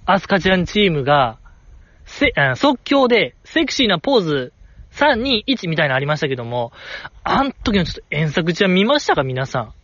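Excitable Kansai man chatting solo. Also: a little fast, no echo, muffled recording. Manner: excitable, jumps in pitch when enthused, chuckles to himself. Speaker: podcast host. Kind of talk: solo casual podcast talk.

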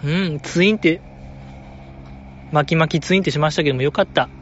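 A man's voice: on the high side, fairly quick, highs cut off, slight background noise. A man with a Kansai accent, talking alone as a fan commentator in a playful, joking, exaggerated way. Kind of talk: casual solo talk.

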